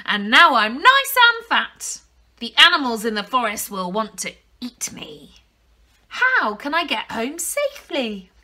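Crafty old granny for a storybook read-aloud, high and squeaky, very sing-song; a woman reads her. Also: wildly swooping pitch, a little slow, pushed and bright, heavily acted. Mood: cheerful. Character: crafty little old grandmother, cheeky.

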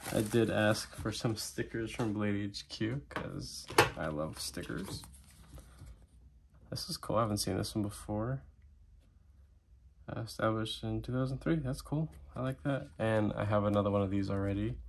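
Gravelly low-voiced man unboxing gear. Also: noisy background. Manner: relaxed, chatty, thinks aloud with fillers. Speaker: knife and gear reviewer. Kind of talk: casual unboxing vlog.

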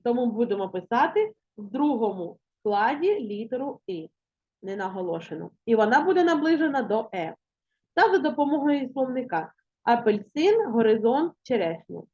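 Woman teacher, fairly high voice, slow careful dictation, muffled lo-fi sound. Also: a little mellow. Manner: slow, deliberate dictation, stressing syllables. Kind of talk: classroom language lesson. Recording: muffled lo-fi recording.

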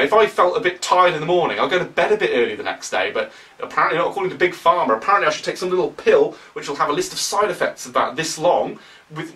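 A young man with a British accent giving animated, opinionated commentary to camera, often sarcastic. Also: fairly high pitch, distant mic, low-quality recording. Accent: British English. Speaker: political vlogger.

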